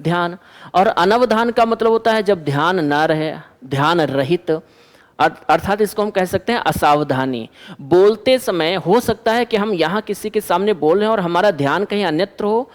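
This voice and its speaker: A man's voice: high voice, normal speed, big-room sound. A male teacher giving an exam-prep lecture, who asks the class questions and answers them himself.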